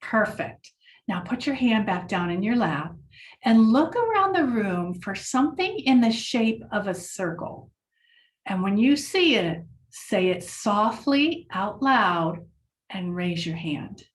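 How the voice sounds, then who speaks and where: A woman leading a children's mindfulness lesson, speaking gently and encouragingly to the class. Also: medium pitch, sing-song, slow, far from the mic.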